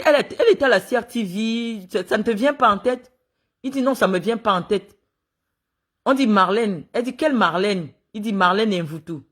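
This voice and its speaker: A woman from Cameroon speaks. She tells her story in an indignant, emphatic way and plays out the back-and-forth of the conversation herself. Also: medium pitch. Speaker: sports official speaking out. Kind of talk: spoken monologue, recounting and accusing.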